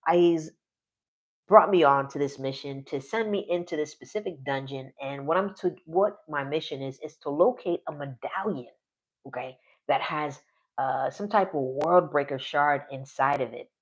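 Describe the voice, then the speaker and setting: A man in his forties narrates his solo tabletop game on a live stream, rambling casually, trailing off mid-sentence and laughing often. His voice is on the high side at a normal speed.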